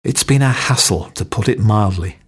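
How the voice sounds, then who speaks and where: A man's voice: on the low side, animated, normal speed, breathy edge. A man reading short everyday phrases one by one for learners, acting out the intonation of each sentence. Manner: reads short stand-alone sentences, each with its own acted intonation. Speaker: phrase reader.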